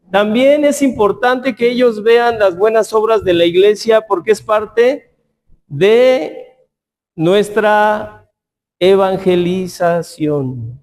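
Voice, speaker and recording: A man's voice: high voice, a little mellow. A man teaching a church Bible class in a conversational way, telling stories with quoted dialogue.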